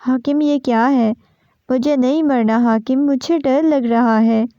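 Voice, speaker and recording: Anxious sick young wife pleading, read by a woman, mellow kinda high voice, dull dry sound. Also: dry recording. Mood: tearful. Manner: pleading, worried questions. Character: young wife, anxious and gravely ill, tender.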